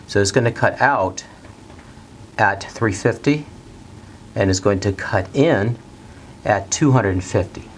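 A middle-aged man teaching a technical lesson at a whiteboard in a studio, talking plainly and steadily and repeating the key steps slowly. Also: fairly low pitch, a little hiss or hum. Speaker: HVAC instructor. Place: bright indoor studio at a whiteboard.

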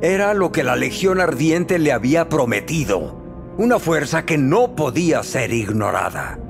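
A man narrating a fantasy audiobook in a steady, dramatic storytelling manner. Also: on the high side, normal speed, gravelly. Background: faint music.

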